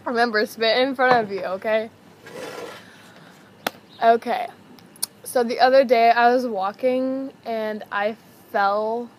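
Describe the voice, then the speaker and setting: A woman's voice: fairly high pitch, steady tone, slow pace, long pauses. A teenage young woman chatting casually as host of a challenge vlog outdoors, with stifled giggles breaking into her talk. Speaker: video host. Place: outdoors on a house patio. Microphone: camera mic at table distance. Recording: noisy outdoor camera recording.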